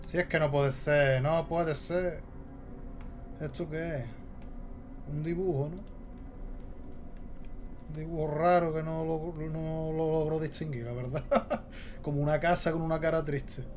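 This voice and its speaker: A man with a Spain Spanish accent giving jumpy, excitable let's play commentary while he plays. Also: on the high side, unhurried, pauses often, faint music behind. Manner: jumpy, excitable, talks to himself. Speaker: gaming host.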